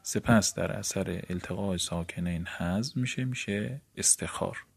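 A man with a very low, husky voice lectures methodically on grammar, breaking every rule down into its steps. He speaks as a seminary student teaching his peers. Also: no room sound. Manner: methodical, spells out each step of a rule. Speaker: teacher of Arabic morphology. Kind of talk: classroom lecture on grammar rules.

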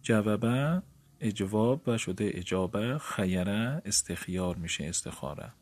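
A man's voice: fairly low pitch, animated, darkish tone. A man giving a methodical lecture on grammar rules to fellow seminary students, walking through each step of a rule. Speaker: teacher of Arabic morphology.

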